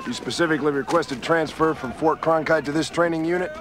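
A man's voice: on the high side, fast talker, lightly acted. A man playing a hard, barking military drill instructor in a film. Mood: stern, challenging. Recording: film soundtrack with clear background noise.

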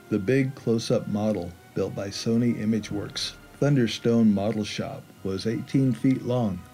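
A man's voice: lowish voice, dark tone. A man reading scripted narration as the narrator of a film recap.

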